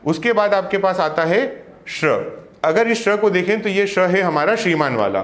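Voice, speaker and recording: A man teaching an exam-prep lesson, explaining step by step, asking questions and answering them himself, and sounding out letters slowly one by one. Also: high-pitched, lively intonation, a bit bright, echoey room.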